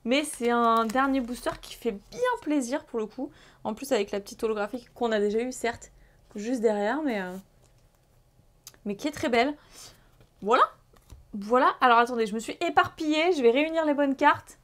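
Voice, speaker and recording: A young woman chatting casually while opening trading card packs, breaking into excited exclamations. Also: a little high, normal speed. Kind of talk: casual excited unboxing chat.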